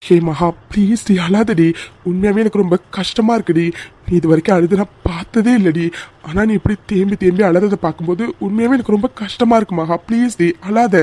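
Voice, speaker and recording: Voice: medium pitch, fairly quick, dark tone, close to an everyday voice. A performer voicing a young man in a cartoon, the caring best friend, pleading and comforting in an insistent way. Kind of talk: cartoon voice acting.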